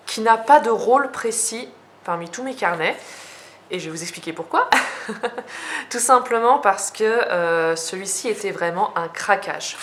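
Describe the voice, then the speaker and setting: A woman's voice: mid-range voice, fairly bright tone, a little hiss or hum. A young French woman chatting casually as she shows her journals, talking with many fillers and restarts. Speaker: journaling vlogger. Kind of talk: casual show-and-tell.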